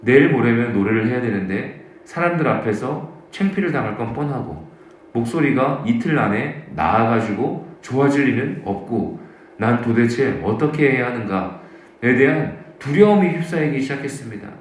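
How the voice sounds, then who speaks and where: A man preaching a sermon in a very echoey church hall. His voice sits at a middling pitch. He tells his own story like a storyteller and acts out the words of the people he quotes. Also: expressive, normal speed. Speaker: pastor. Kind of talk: sermon with personal testimony. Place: church sanctuary.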